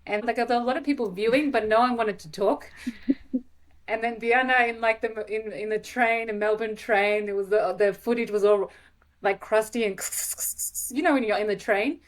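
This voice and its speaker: A woman hosting a podcast in casual, enthusiastic chat with quick asides. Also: a little high, fairly even intonation. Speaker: podcast host.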